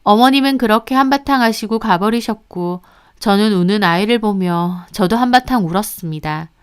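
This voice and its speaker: Clear-voiced woman narrating a story. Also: medium pitch, moderate pace. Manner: confiding, first-person storytelling.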